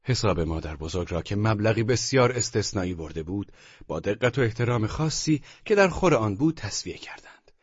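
A male narrator with a husky voice reads a novel aloud in a lively, expressive way, his pitch moving freely from line to line. The recording is dry and dull, with no room sound. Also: no echo. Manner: expressive storytelling. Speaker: audiobook narrator. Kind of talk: scripted narration.

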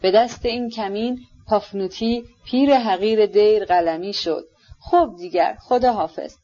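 A woman's voice: mid-range voice, warm tone, natural voice. A woman voicing an elderly general who talks hastily and soothingly to his wife while edging away, on a dull lo-fi recording. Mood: hurried. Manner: hasty, soothing, evasive. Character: hurried, placating elderly general, a husband.

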